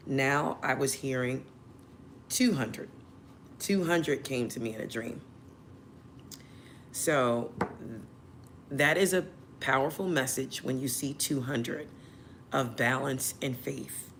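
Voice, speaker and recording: A woman whose voice is still hoarse, hosting a tarot livestream in a chatty way and checking in with her listeners often. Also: a bass voice, slow pace, pauses often, slight background noise. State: hoarse, recovering voice. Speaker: tarot reader and channel host.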